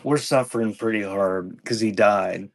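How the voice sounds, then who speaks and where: With a lowish voice and a slightly slow pace, a man hosts a live online sale of cassette tapes. He keeps up casual, rambling stream chat, musing aloud and often letting sentences trail off.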